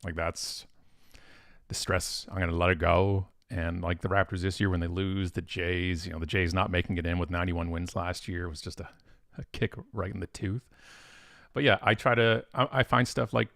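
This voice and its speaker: A man hosting a casual live-stream Q&A as a professional speaker. He talks in an animated, chatty way, with bursts of excitement and a lot of fillers and restarts. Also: deep voice, normal speed, gravelly, dry recording, studio quality.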